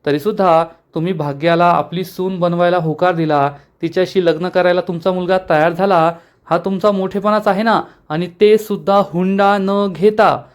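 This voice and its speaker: A man's voice: high voice, fairly even intonation, moderate pace, lightly acted. A man putting on a sly scheming young woman. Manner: wheedling, gossipy.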